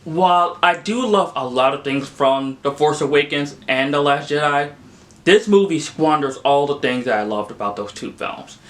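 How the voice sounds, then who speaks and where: A man's voice: a little high, lively intonation, normal speed, fairly bright tone. A young man giving a casual, rambling film review, exasperated and full of "like" fillers. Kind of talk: casual spoken movie review.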